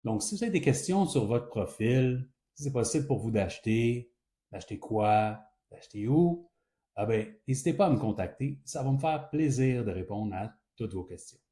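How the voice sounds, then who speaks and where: A man with a Quebec French accent calmly explaining rules step by step, as an advisor talking to viewers. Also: mid-range voice, moderate pace. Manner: calm, methodical explaining. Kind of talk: explanatory talk to camera.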